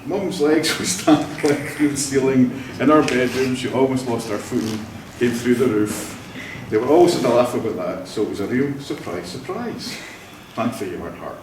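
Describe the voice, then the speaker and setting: Jovial Scottish celebrant in an echoey hall. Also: male voice, medium pitch, a little fast, noisy background. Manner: jovial, laughs often while telling stories. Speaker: wedding celebrant. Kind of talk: ceremony speech with anecdotes. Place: church hall. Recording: echoey room, mic at a distance.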